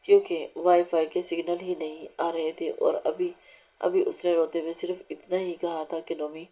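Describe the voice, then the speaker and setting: A woman reading a romance novel aloud as audiobook narrator, steady and unhurried, with small restarts. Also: on the low side. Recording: dull lo-fi recording.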